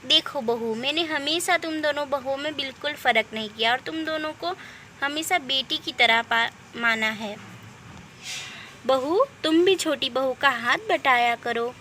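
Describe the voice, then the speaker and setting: Lady voicing a gentle mother-in-law in a doll story, soft calm advice, super high bright voice. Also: measured pace, slight background noise. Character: gentle middle-aged mother-in-law, fair-minded. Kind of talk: doll story role-play.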